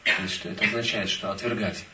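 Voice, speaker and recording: A man interpreting a talk phrase by phrase, quickly following each line. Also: on the low side, steady tone, very noisy. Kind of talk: consecutive interpreting. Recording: echoey hall, distant mic.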